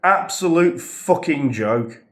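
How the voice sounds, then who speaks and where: A man's voice: fairly high pitch, expressive, takes it slowly, fairly bright tone. Angry swearing man ranting. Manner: swearing, exasperated, sarcastic. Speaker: vlogger reviewing a holiday. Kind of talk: angry ranting travel diary.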